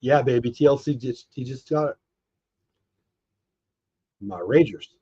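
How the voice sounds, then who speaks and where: A man hosting a live baseball watch party, excitedly calling plays and chatting with viewers, a bit hoarse as he is losing his voice. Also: medium pitch, measured pace, lo-fi sound. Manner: excited, reacts to plays, talks to chat. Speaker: livestream watch party host.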